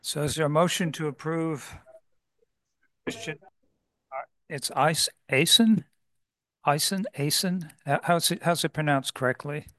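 A man chairing a public board meeting, calling votes in a formal, procedural way with halting pauses. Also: a little high, fairly even intonation, fairly bright tone, no room sound. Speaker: commission chair.

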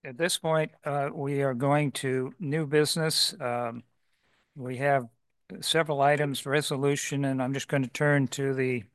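A man chairing a public board meeting, calling votes in a formal, procedural way with halting pauses. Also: mid-range voice, fairly even intonation, smooth, dry recording, clean studio sound. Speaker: commission chair.

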